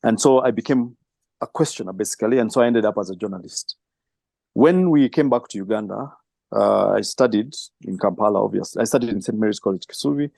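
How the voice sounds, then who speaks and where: A middle-aged man answering interview questions, reflective and storytelling, with soft laughs. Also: lowish voice, fast, creaky, no room sound. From Kenya. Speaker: filmmaker and film trainer.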